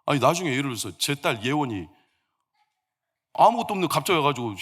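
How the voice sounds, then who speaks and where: A man's voice: on the high side, big pitch swings, quick pace, a bit bright, husky. A man, the senior pastor, preaching a sermon in a church sanctuary and telling stories with humor and acted quotes.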